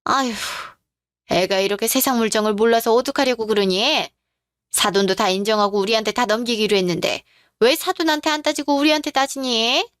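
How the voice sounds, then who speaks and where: A woman's voice: a little high, a little fast, a bit bright, clean tone, no echo, studio quality, close to an everyday voice. A woman voicing a condescending mother-in-law. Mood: patronizing. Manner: patronizing, scolding. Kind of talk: radio drama acting.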